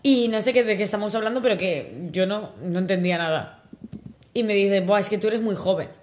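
Young woman, kinda tipsy, telling a story all excited, giggly, casual podcast chat. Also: mid-range voice, brisk, a little hiss or hum. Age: young adult. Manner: animated, excitable, laughs often. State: a little tipsy.

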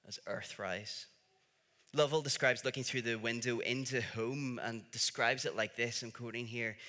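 A man preaching in a storytelling style, with dramatic pauses and emphatic repetition. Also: medium pitch, pushed and bright. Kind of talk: storytelling sermon. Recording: reverberant large-room sound.

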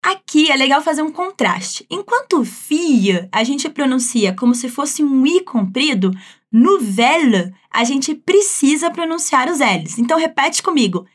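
Mulher com sotaque brasileiro conduzindo uma aula de francês em tom alegre e motivador. Voz alta e leve, fala coloquial e cheia de incentivos. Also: female voice, high voice, sing-song, a little slow. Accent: Brazilian. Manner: upbeat, chatty, encouraging. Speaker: French teacher. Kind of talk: language lesson.

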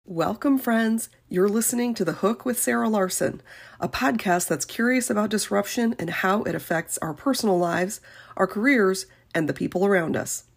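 A woman's voice: mid-range voice, moderate pace, creaky, breathy edge. A woman hosting a podcast, reading a scripted introduction with a scratchy voice from a cold, upbeat and encouraging. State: getting over a cold, scratchy voice. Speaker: podcast host.

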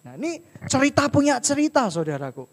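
A man's voice: extremely high pitch, sing-song, brisk, in a large hall. A married man preaching a humorous sermon, poking fun at himself and constantly calling the audience his brothers and sisters. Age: adult, married. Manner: keeps addressing listeners as "saudaraku"; playful, jokes about himself.

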